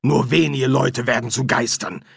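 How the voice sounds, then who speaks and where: A man's voice: mid-range voice, fairly even intonation, moderate pace, vocal fry, a bit bright, husky, dry recording, clean studio sound, pitched above the performer's own voice, heavily acted. A man voicing a stern, bossy older female medium who gives curt orders. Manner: curt, commanding.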